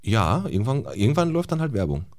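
A man's voice: lowish voice, sing-song, quick pace. A man co-hosting a podcast in casual chat, rambling and laughing often. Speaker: podcast co-host.

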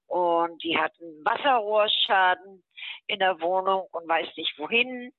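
A woman's voice: mid-range voice, unhurried, dry recording. An older woman telling a story in a blunt, chatty way as an interview guest, with lots of fillers and little tag questions. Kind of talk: recounting memories in a podcast interview. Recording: tinny phone line, dry.

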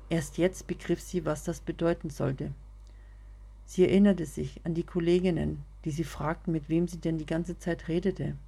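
Low husky woman reading a story. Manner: steady, measured reading. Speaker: narrator.

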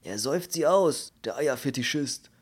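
A man's voice: medium pitch, moderate pace, a little mellow, voice pushed up, natural voice. Man doing a whining bald little man. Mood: aggrieved. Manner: whining, indignant, raised voice. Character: bald, small, complaining man, easily enraged.

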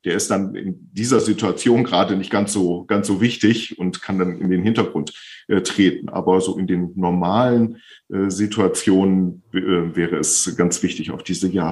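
A man who works as a speech therapist, calmly and patiently explaining as a podcast guest, often repeating phrases to stress them. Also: low-pitched, moderate pace. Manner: calm, patient explaining with frequent repetitions.

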